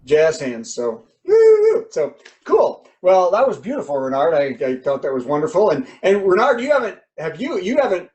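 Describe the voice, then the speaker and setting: A man hosting a comedy show, chatting excitably with his guests. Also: high voice, normal speed, hardly any pauses. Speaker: host. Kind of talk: casual chat.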